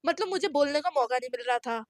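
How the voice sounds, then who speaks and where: Teen girl, high voice, chatty storytelling, does the voices, dry close sound. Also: fast talker, no room sound. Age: teens. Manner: animated, acts out quoted voices. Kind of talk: casual storytelling.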